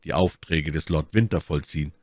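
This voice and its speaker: A man voicing a resolute young officer, speaking in a low, hushed, somber way. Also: brisk, dry recording. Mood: grim, hushed. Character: grim young male officer, devoted and resolute.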